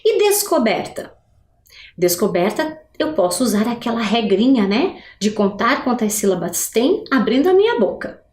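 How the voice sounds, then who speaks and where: Woman teacher, bright and animated pitch, slow careful word drills, roomy echo. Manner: slow, drawn-out pronunciation of example words; asks questions to the viewers, frequent "né?". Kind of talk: recorded video lesson for adult learners. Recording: echoey room.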